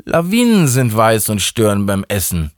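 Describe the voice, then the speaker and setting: Man putting on a drowsy, calculating young woman in a storybook reading, higher voice, dry close sound. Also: wildly swooping pitch, moderate pace, no echo. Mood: drowsy sly. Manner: drowsy, then demanding. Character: sleepy, sharp-tongued young woman, calculating.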